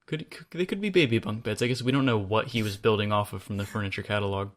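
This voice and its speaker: A man co-hosting a podcast in casual chat, with a dry, deadpan humor. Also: lowish voice, fast. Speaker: podcast co-host.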